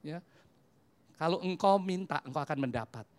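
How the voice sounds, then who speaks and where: A preacher with a Javanese accent tells personal stories from the pulpit, acting out both sides of little conversations. The delivery is lively and playful, with English phrases slipped in, and carries the ease of someone in their fifties. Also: medium pitch, normal speed. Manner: animated storyteller who acts out dialogues and mixes in English phrases. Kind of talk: humorous sermon with personal stories.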